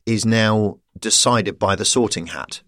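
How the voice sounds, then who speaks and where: A man's voice: on the low side, measured pace, a bit bright, no echo, studio quality. A man chatting as a comedian guest on a panel, playful and laughing as he rambles through asides. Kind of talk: casual panel chat.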